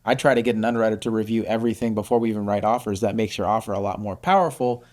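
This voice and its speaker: A man's voice: lowish voice, rapid-fire, darkish tone. Confident man explaining mortgages. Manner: confident, explains with practical detail. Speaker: mortgage lender co-host. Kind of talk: casual podcast chat.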